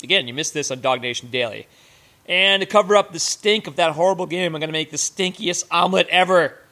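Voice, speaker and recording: A man hosts his show with sarcastic, profane rants that speed up when he gets going. His voice sits slightly high for a man. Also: a little fast, bright, forceful tone. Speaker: host of a sports fan podcast. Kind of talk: casual ranting commentary while cooking.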